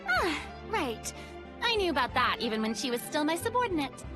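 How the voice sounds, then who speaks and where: A woman voicing a spirited young woman in a game, chatty and gently teasing. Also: high-pitched, sing-song, fairly quick, music in the background. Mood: casual. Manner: breezy, teasing, curious. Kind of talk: game cutscene voice acting.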